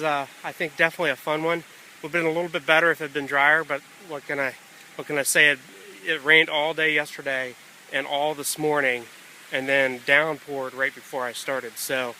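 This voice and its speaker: A man narrating a hiking vlog in a casual, unscripted way, often pausing mid-thought, recorded outdoors on a handheld camera. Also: fairly high pitch, sharp tone, rough recording. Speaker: hiker filming a trail vlog. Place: outdoors on a wooded rocky trail near a stream. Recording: outdoor camera audio with ambient noise.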